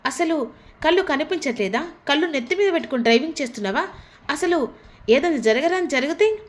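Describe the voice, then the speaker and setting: A quick-tempered rich young man shouts and scolds from his car, voiced by a woman retelling the story. The voice sits high and carries no attempt to sound deep. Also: expressive. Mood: angry.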